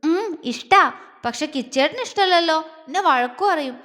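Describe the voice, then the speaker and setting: A woman's voice: high voice, lively intonation, normal speed, fairly bright tone. A woman voicing a shy, timid young woman who speaks hesitantly and stammers, with a long reverb on the voice.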